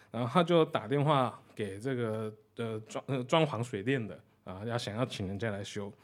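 Male preacher, conversational, repeats points, animated pitch. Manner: conversational, repeats key phrases, tells jokes.

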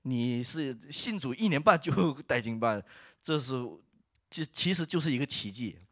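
A man's voice: mid-range voice, expressive, no room sound, studio quality. Earnest man telling a church testimony. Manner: earnest storytelling with laughs and halting restarts. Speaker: worship leader giving testimony.

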